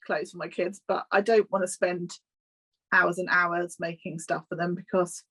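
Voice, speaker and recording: Relaxed woman guest, hesitant talker. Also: fairly low pitch, normal speed, husky, poor audio. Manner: relaxed, hesitant, frequent ums and laughs. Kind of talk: casual interview chat.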